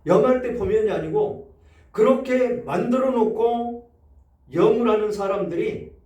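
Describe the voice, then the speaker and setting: Male pastor, emphatic sermon delivery, higher voice, echoey church recording. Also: a little slow. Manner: emphatic preaching with sharp swings in loudness. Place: church sanctuary. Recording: echoey church hall, mic set far off.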